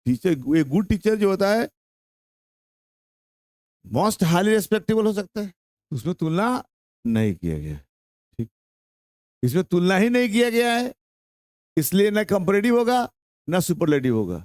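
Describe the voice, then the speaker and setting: Animated, slow-paced male grammar teacher. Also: high voice, dry recording, studio quality. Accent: Bihari Hindi. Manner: drawn-out, questioning, repeats answers to the class. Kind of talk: classroom grammar lesson.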